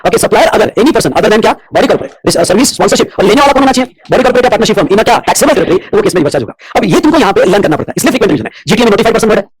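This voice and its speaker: A man's voice: high-pitched, expressive, racing, few pauses, breathy edge. A man teaching a classroom lecture on tax law. He mixes Hindi and English and keeps checking whether his students are following. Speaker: commerce teacher.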